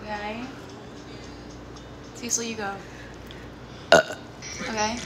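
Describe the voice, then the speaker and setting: A woman's voice: medium pitch, flat delivery, takes it slowly, loud music behind the voice. A young woman co-hosting a casual livestream, giggly and playful, joking between burps. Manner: giggly, playful banter with burping. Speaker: livestream co-host.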